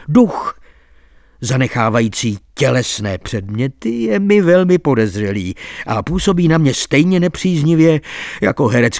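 A man reading an audiobook voices a calm male friend who doubts the ghost story and reasons it out. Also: medium pitch, no echo, clean studio sound.

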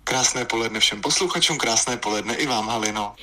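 A man calling in to a radio show from a train toilet, chatty and a little hurried. His voice has a bright, forward edge. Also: medium pitch. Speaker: phone guest, actor. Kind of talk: casual phone chat.

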